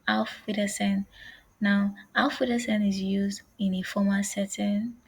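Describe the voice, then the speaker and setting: A woman teaching an online language lesson, speaking slowly and carefully and saying each phrase twice. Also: medium pitch, little pitch movement, vocal fry, darkish tone, husky, low-quality recording.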